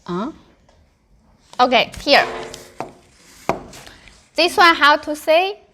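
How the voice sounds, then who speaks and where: A woman's voice: high-pitched, very animated, very slow, bright, forceful tone, slight background noise. A woman with a Chinese accent teaching a language class, encouraging and practicing tones by repeating syllables and words.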